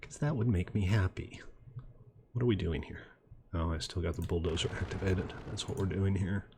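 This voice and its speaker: A man's voice: deep voice, normal speed, background noise. A man giving easygoing let's-play commentary and thinking aloud as he builds. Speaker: game commentator. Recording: mouse and keyboard clicks audible. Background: computer clicking and typing.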